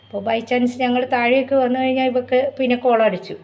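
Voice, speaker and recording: A woman's voice: flat delivery, brisk, a little mellow. Chatty woman vlogging at home. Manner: chatty, addresses viewers as friends, coos at her pet dog in a high sing-song. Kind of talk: casual home vlog chat.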